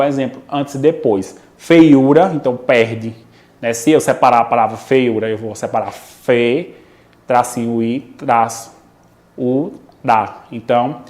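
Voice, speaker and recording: A man's voice: medium pitch, darkish tone. Brazilian male teacher explaining spelling rules. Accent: Brazilian Portuguese, Pernambuco. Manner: explanatory, frequent "né?" and "ok?" check-ins, drawn-out example words. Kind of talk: recorded online lesson.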